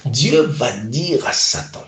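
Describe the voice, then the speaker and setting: A man's voice: medium pitch, lively intonation, slow pace. A man preaching a sermon, emphatic and repeatedly calling his listeners beloved. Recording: echoey room.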